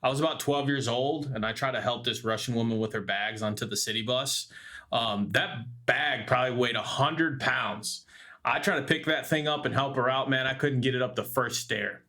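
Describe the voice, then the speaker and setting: A man's voice: mid-range voice, moderate pace, pushed and bright. A young man co-hosting a casual podcast, talking loosely with lots of fillers and restarts as he tells stories. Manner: rambling storyteller, many fillers and restarts. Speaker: podcast co-host. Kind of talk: casual chat.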